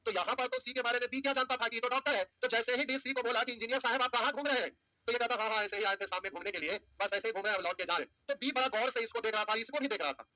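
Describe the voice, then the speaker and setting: A man's voice: very high-pitched, racing, pushed and bright. A male maths teacher, teaching a class by telling a story and repeating his points. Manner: storytelling teacher, repetitive, addresses students as "pyare".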